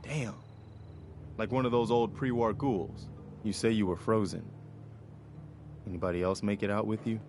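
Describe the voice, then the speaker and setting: A man's voice: lowish voice, fairly even intonation, moderate pace, long pauses, darkish tone, a little hiss or hum, natural voice. A man voicing an earnest, polite male militia leader in video game dialogue. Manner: earnest, polite, asks favors.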